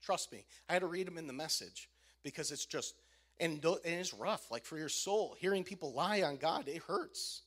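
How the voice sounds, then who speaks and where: A man's voice: fairly high pitch, lively intonation, moderate pace, a bit bright. A man who works as a youth minister, preaching an emphatic sermon and repeating key lines for emphasis. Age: adult.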